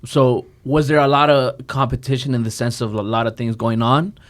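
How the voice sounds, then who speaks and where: A man's voice: medium pitch, steady tone, normal speed. A man hosting a casual interview, reacting often in slangy, lightly profane everyday talk. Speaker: podcast host.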